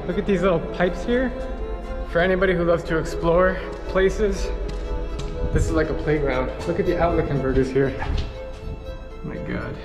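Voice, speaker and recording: A young man filming a travel vlog in an abandoned palace with a handheld camera, talking in an excited, exclaiming way. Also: on the high side, normal speed, pauses often, music in the background. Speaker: travel vlogger. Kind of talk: travel vlog with voice-over narration. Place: abandoned palace, large empty stone rooms. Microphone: handheld camera at arm's length.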